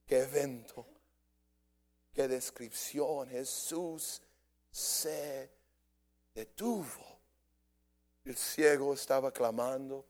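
A man preaching a sermon to his congregation, swinging from loud exhortation to hushed, deliberate emphasis. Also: mid-range voice. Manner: slow, deliberate delivery with repeated words. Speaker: pastor.

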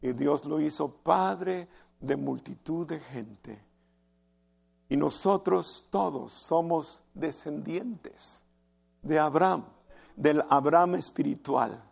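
A man's voice: fairly high pitch, takes it slowly. A man preaching an impassioned sermon, often addressing listeners as brother and acting out the voices in the stories he tells. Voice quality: gravelly, husky voice. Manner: impassioned preaching, calls listeners "hermano", acts out quotes. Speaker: pastor.

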